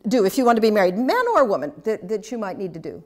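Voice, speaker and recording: A woman's voice: medium pitch, sing-song, quick pace. An older woman giving an interactive class talk, chatty and anecdotal, with humorous asides and questions to the audience. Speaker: speaker teaching a class.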